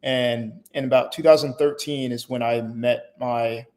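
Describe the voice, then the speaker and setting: A man's voice: medium pitch, fairly even intonation, unhurried, a little mellow. A young man in his late teens, born in Haiti, answering interview questions in a hesitant way with fillers and restarts. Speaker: guest.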